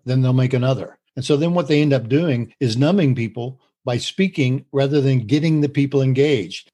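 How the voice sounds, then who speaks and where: A man's voice: mid-range voice, a little mellow. A man co-hosting a talk show on communication, explaining points earnestly and laughing easily. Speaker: co-host. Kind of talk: conversational podcast talk on communication.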